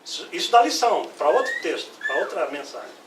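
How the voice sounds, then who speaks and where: Male pastor, high voice, lively sermon delivery, echoey distant room sound. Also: fast talker, a little hiss or hum. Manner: lively preaching, acts out Bible quotes.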